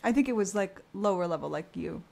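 Woman hosting a podcast, laid back, lots of like and um, mid pitch. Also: fast, gravelly. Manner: relaxed and thoughtful, hedging with "like" and "um". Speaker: podcast host. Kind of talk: casual conversation.

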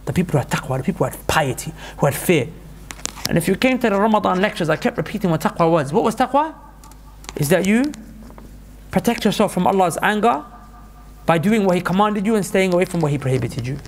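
A man's voice: high voice, expressive, fast, slight background noise. A man giving an urgent, emphatic sermon, repeating points for stress. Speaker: preacher.

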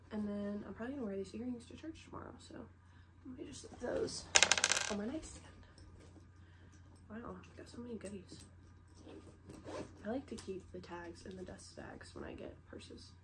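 Her voice is medium-pitched with a darkish tone: a young adult vlogger, stuffed up with a head cold, rambling through a show-and-tell chat in her bedroom. She sits on the bed, peppering her talk with "like," facing a camera placed low in front of her. Expect noisy home audio.

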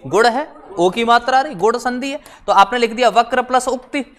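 A man's voice: very high voice, fairly bright tone. Male coaching teacher, chatty Hindi lesson. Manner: conversational, explains with everyday examples and chuckles; slows down and stresses key definitions. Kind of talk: online class lecture.

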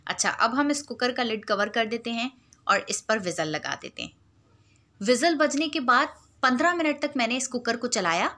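Patient cooking vlogger, woman, bright tone, clear step-by-step explainer. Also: a little high, animated, moderate pace.

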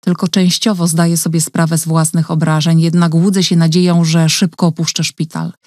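A woman's voice: deep voice, little pitch movement, brisk, darkish tone, no echo, studio quality, lightly acted. A woman voicing a hurt, frightened young woman who pleads between sobs in an audiobook reading. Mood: weak.

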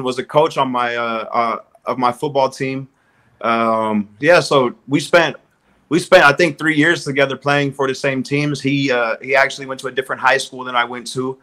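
A Southern Californian man in his thirties, a strength and conditioning coach, is a guest in a casual video call interview. His mid-range voice has a sharp tone, and he comes across upbeat and friendly, often repeating words as he gathers his thoughts.

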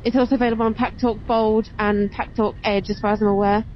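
Speaking fast in a mid-range voice with a level tone, a woman chats and explains while hosting her vlog from a motorbike on open roads. The recording comes through a muffled helmet intercom mic, with engine and road noise in the background.

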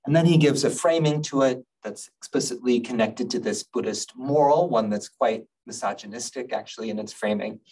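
A middle-aged man giving a lecture over slides on a video call, in a measured, thoughtful way with frequent filler sounds. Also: mid-range voice, darkish tone, slightly rough, distant mic, rough recording. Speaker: lecturer on Buddhist poetry.

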